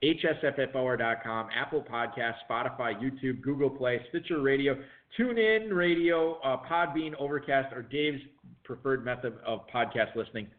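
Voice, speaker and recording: A man co-hosting a fantasy football show, recapping draft picks in a brisk, matter-of-fact way with dry ribbing of his partner. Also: mid-range voice. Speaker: podcast co-host. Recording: muffled phone-like line.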